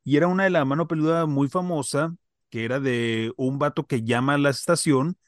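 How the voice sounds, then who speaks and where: A man's voice: a little high, fairly quick, no echo, studio quality. A man, a podcast co-host, chatting casually and telling a story in loose slang.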